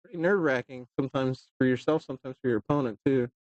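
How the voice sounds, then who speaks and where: A man calls a pool match in a loose, joking way, full of casual fillers. His voice sits at an ordinary middle pitch. The sound is close and dry, with no room echo. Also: fast talker, highs cut off. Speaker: pool commentator. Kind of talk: casual live commentary.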